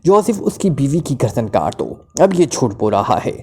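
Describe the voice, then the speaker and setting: A woman's voice: very deep voice, big pitch swings, moderate pace, a little mellow, breathy edge, exaggerated voice. A man reading a story voices a cold, ruthless female secret agent who interrogates with curt, snarling commands. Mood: commanding.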